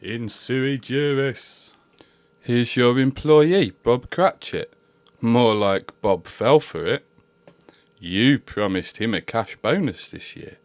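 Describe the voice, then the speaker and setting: A man's voice: mid-range voice, takes it slowly, dry recording, natural voice. A man playing a sardonic, mocking ghost of the present in a comedy sketch. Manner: mocking, dry commentary.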